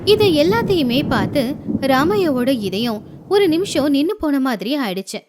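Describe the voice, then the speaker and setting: A woman narrating a moral folk story in an expressive storytelling manner. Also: high-pitched, normal speed, background noise.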